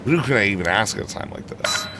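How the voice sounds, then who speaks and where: A man's voice: on the low side, animated, quick pace, noisy background. A man reading out the lines of a frightened young woman caught in a curse on an island, in his own plain voice over game music. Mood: anxious. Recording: game music playing behind.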